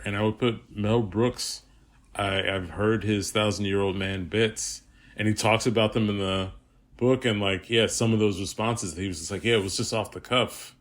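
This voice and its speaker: Man, lowish voice, casual podcast chat, reflective, emphatic repetition. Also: a bit bright. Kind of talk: casual film discussion.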